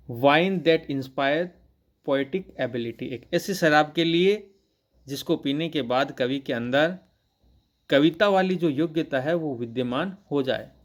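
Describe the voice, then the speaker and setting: A man with a slightly high voice teaches English literature, slowly reading a poem line by line and explaining each in Hindi. He frequently poses questions and then answers them himself.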